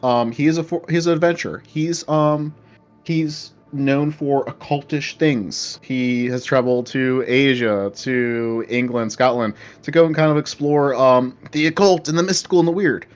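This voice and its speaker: A man's voice: mid-range voice, moderate pace, muffled recording. Rambling man running a tabletop game. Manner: loose, rambling, lots of fillers and restarts. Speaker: game master. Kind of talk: narrating a tabletop horror game.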